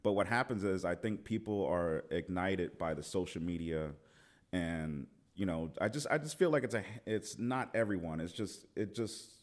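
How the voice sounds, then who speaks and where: A man's voice: low voice, moderate pace. A man with a New York accent, co-hosting a podcast in a casual conversation, often saying "you know what I'm saying.".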